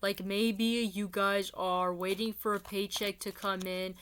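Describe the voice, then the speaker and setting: A woman talks through a casual tarot reading at a middling pitch. Her delivery is chatty and loose, and she rambles a little as she addresses her viewers directly. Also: level tone, measured pace, a bit bright, a little hiss or hum. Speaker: tarot reader.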